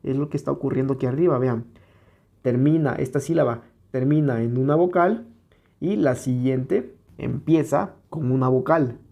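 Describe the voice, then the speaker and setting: A man with a Mexican Spanish accent teaching an exam-prep lesson, patiently explaining step by step and sounding words out slowly. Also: mid-range voice, vocal fry, dark tone, muffled recording.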